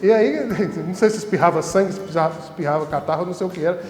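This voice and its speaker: A man's voice: sits high, rapid-fire, a little mellow. A priest telling funny stories from his ministry in a casual way, laughing easily. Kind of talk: casual storytelling. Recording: echoey room with long reverb.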